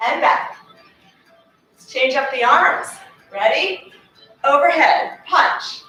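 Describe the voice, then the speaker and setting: A woman's voice: high-pitched, slow, pushed and bright, distant mic. A woman fitness instructor leading an exercise class in a carpeted studio, cueing moves while exercising and slightly out of breath. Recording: very echoey room, voice off-mic, faint music.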